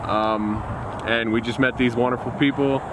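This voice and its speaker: A man's voice: medium pitch, steady tone, moderate pace. A man from El Paso, rambling and chatty with many fillers, talking outdoors by a park sign. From El Paso, Texas. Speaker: guest met on the road. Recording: outdoor noise behind.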